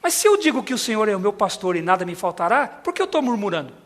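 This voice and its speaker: A man with a very high voice preaches a sermon, a pastor speaking to his congregation. He slows down to stress key lines and asks the listeners direct questions. His voice carries a long reverb from a large conference hall. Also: big pitch swings, a bit bright.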